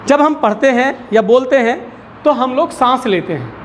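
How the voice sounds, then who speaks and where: A man's voice: very high voice, lively intonation, moderate pace, noisy background. Patient male teacher quizzing his class. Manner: patient, asks the class questions and repeats key words. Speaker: school teacher. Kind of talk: classroom Hindi lesson. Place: school classroom. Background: children in the classroom.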